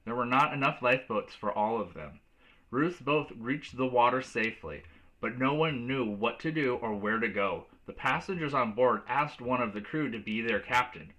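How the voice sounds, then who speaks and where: Bright-voiced man reading a storybook to kids. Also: medium pitch, normal speed, rough recording. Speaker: teacher reading a storybook aloud. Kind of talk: read-aloud storytelling to children.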